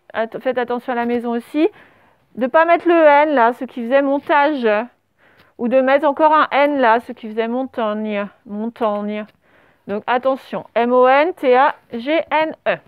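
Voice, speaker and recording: A woman teaching a primary school class, correcting a dictation and spelling words out letter by letter with patient pauses. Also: sits high, clear, resonant tone, dry recording. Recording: dull lo-fi sound.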